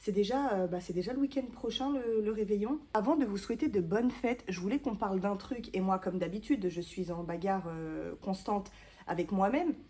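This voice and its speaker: French woman in her thirties, chatty self-mocking vlogger, soft mellow tone, casual talk to camera. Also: medium pitch, moderate pace, breathy edge. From France. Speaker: booktuber. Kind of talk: casual vlog chat to camera.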